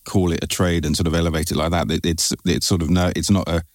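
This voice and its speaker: A man's voice: sits low, level tone, fast, no room sound, studio quality. A man hosting a conversational interview, agreeable, feeling out his phrasing with repeated words. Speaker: interviewer, podcast host.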